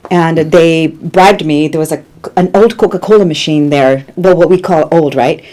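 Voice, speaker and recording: A Cuban-born woman in her sixties, a guest producer telling animated stories in an interview and laughing easily. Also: deep voice, normal speed. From Cuba. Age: 60s. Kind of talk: conversational interview storytelling.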